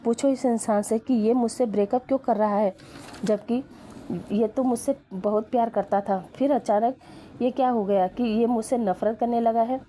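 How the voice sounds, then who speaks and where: A woman's voice: fairly high pitch, fairly even intonation, normal speed, mellow, a little hiss or hum, natural voice. A woman voicing a theatrical young man who pleads and schemes. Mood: defiant.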